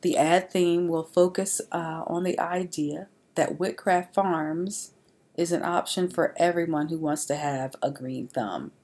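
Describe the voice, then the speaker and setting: Low-voiced woman narrating slides. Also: steady tone, a little slow, a little mellow. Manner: informal, with frequent fillers and restarts. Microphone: voice-over on slides.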